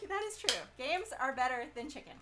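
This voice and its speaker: Bubbly, lively woman chatting on stream. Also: high voice, a little fast, music in the background. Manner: chatty and giggly, frequent "um" and "like". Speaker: co-host of a board game stream. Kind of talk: casual chat.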